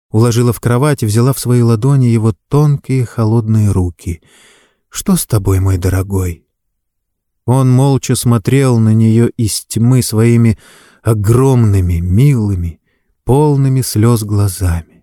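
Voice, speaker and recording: A man narrating a story in a measured, dramatic reading. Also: mid-range voice, mellow, no room sound, studio quality. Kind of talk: audiobook narration.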